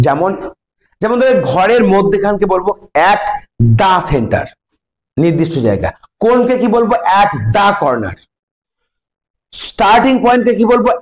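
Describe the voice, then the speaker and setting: Bengali teacher quizzing a class. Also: male voice, high-pitched. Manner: explains step by step, quizzing students. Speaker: English teacher. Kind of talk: classroom grammar lesson. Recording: echoey classroom.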